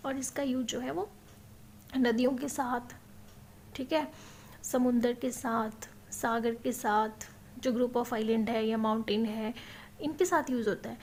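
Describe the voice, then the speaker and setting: A woman's voice: on the high side, fairly even intonation, takes it slowly, a little mellow, a little hiss or hum. A woman teaching English grammar, explaining in a classroom style and asking and answering her own questions.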